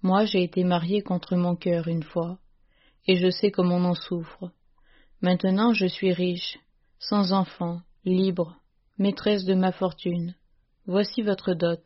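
A secretive, wealthy mother, read by a woman in a spoken storybook, her voice low and held in a narrow, even line. The sound is muffled and lo-fi. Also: takes it slowly. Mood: solemn. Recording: muffled lo-fi recording.

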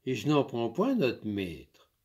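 A man's voice: medium pitch, wildly swooping pitch, drawn-out words, dark tone, heavily acted. A man voicing a timid, frightened young peasant servant woman who answers meekly, in a storybook reading. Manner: meek, submissive replies.

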